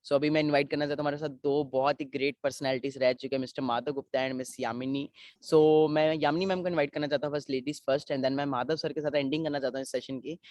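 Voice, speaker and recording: A man's voice: fairly high pitch, steady tone, fast, a little mellow, no room sound, clean studio sound. A man hosting an online webinar panel over a video call, mixing Hindi and English in an upbeat, encouraging way. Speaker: webinar host.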